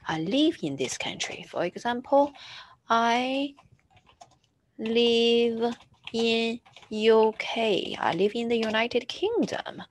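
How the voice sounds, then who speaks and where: A woman teaching a beginner Chinese lesson, patiently repeating each word slowly as she explains. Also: on the high side, slight background noise. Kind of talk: slow screen-share language lesson.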